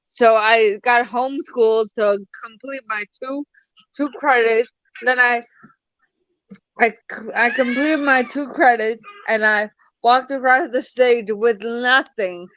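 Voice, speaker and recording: Young woman from the US, interview guest, halting delivery, dry lo-fi video-call sound. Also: on the high side, fairly even intonation, a bit bright, no echo. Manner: halting, many restarts and fillers. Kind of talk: personal story in an interview. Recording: dull lo-fi call audio.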